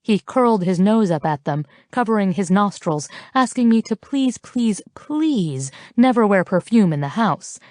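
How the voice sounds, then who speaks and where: A woman's voice: mid-range voice, animated, unhurried, hardly any pauses, darkish tone, no echo, clean studio sound. A woman reading a first-person romance novel aloud in a wry, conversational way. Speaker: audiobook narrator. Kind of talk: first-person audiobook narration.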